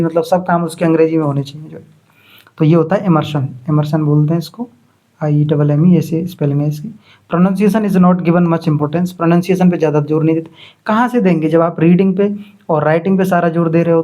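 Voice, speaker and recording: A man's voice: fairly high pitch, mellow. A man, lecturing to students and explaining points by repeating and contrasting them. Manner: explains by contrast and repetition, reads English terms slowly. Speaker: teacher. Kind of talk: classroom lecture.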